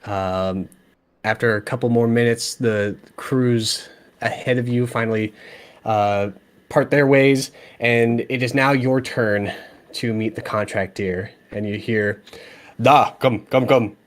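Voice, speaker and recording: A man narrating as game master of a tabletop game in a relaxed, meandering way, with frequent fillers. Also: mid-range voice, slow pace.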